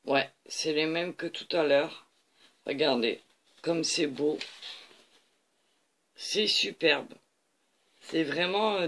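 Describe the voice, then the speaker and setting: A man's voice: on the high side, fairly bright tone. A man hosting a craft channel, leafing through a paper pad on camera and gushing over each page with repeated little compliments and fillers.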